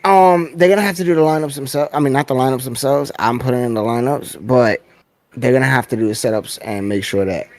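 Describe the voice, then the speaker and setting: A man's voice: mid-range voice, fast, dry recording. A man from New City, chatting and joking on a live stream, close to the mic. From New York City. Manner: laid-back, joking, greets chat loudly. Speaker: streamer guest. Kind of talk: casual chat on a live stream.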